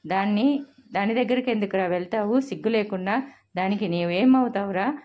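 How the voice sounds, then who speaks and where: A woman's voice: mid-range voice, brisk, lo-fi sound, lightly acted. A woman voicing a furious, bitter middle-aged mother who scolds shrilly in a read-aloud family story.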